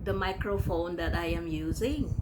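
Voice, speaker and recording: A woman's voice: on the low side, measured pace, noisy background. A woman, chatting and giggling through a casual product review on her vlog. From Philippines. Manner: chatty, giggly, mixes English and Tagalog. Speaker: vlogger.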